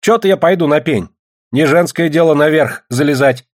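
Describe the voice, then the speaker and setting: A man reading an audiobook, voicing a fierce, outspoken woman at a gold-mining camp who shouts and scolds. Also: a little high, moderate pace, pitched above the performer's own voice, lightly acted. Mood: pleading. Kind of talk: audiobook character voice.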